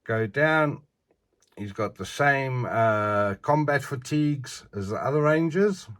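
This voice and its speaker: Reviewing pieces from his figure collection, an older man rambles chattily through a casual show-and-tell. His medium-pitched voice is fairly bright and animated, he takes his time, and missing teeth make his consonants a little slurred.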